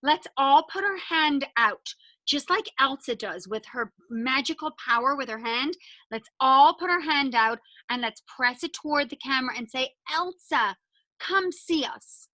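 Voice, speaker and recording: A woman with a high, bright voice, hosting a video call for children. She is animated and sing-song, and she coaxes her young audience to join in. The sound is dry and close. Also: normal speed, no echo. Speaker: drama school teacher and host. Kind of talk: enthusiastic talk to children.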